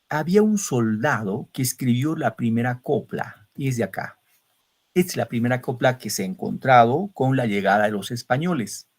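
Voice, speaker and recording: Animated male teacher quizzing students. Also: medium pitch. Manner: animated, questioning students, repeating words by syllable. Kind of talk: online class lesson. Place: home, video call. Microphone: computer mic on video call.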